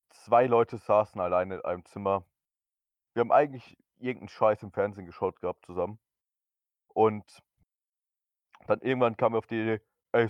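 A young man in his twenties chats casually as a podcast co-host, a little hesitant and full of fillers. His voice sits low, and the recording is dry and somewhat dull, as from a home setup. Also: no room sound. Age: 20s. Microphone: new podcast microphone.

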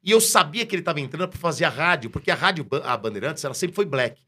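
A man with a Brazilian accent, a radio announcer telling a story in a casual interview, slangy and lively, acting out the dialogue he recounts. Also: on the high side, fast talker, slightly rough. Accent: Brazilian Portuguese.

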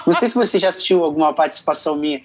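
A man's voice: a little high, lively intonation, racing, low-quality recording. A young man, a singer, telling stories casually as an interview guest, laughing often. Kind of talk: casual storytelling.

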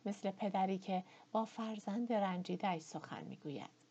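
A woman narrating a novel as an audiobook, in a dramatic, measured reading. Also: medium pitch, mellow, breathy edge, dull audio. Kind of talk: scripted narration.

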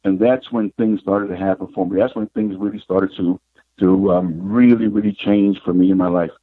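A middle-aged man, a psychic guest, telling his life story in an interview in an unhurried, reflective way. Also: low-pitched, fairly even intonation, no echo. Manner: unhurried, reflective, retells scenes with quoted dialogue. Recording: tinny phone line.

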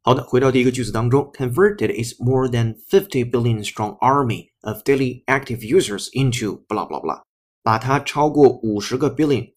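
Patient man teaching English word by word. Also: medium pitch. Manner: slow, patient, spells words letter by letter. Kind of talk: explaining a text line by line.

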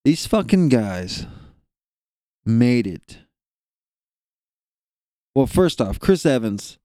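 Young male podcast co-host, mellow voice, profane rambling comic rant, dry room. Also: medium pitch, sing-song, very slow, no echo. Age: young adult. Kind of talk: casual rant.

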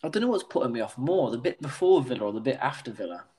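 A man's voice: medium pitch, sing-song, fast talker, warm tone. A man playing a casual football guessing game, thinking aloud and making hesitant guesses. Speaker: quiz contestant. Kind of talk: casual football quiz chat.

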